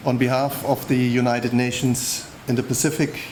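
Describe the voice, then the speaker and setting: A man speaking as an international official, delivering a formal prepared speech in a measured way at a public event. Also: mid-range voice, little pitch movement. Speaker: United Nations official giving a speech. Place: public launch event venue. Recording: faint background noise at event.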